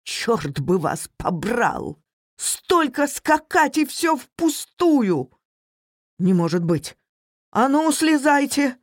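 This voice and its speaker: A reader voicing a gruff, menacing male bounty hunter who snarls and barks his lines in a storybook reading. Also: high-pitched, sing-song, slow, dry recording, clean studio sound, voice pushed up, exaggerated voice. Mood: barking. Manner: snarling, barking.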